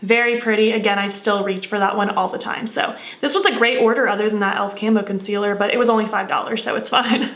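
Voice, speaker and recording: A woman speaks in a fairly high voice with noticeable room echo. Her style is casual beauty-vlog chat. She is opinionated and stresses her points emphatically, often by repeating them. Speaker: beauty vlogger reviewing past makeup purchases.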